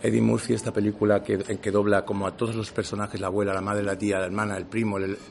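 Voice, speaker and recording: With a gravelly, lowish voice and a quick pace, plus a slight hiss or hum in the audio, this middle-aged Sevillian actor chats casually in an interview. He's an animated storyteller who performs the dialogue he quotes. His accent is neutral Castilian for work and Andalusian at home.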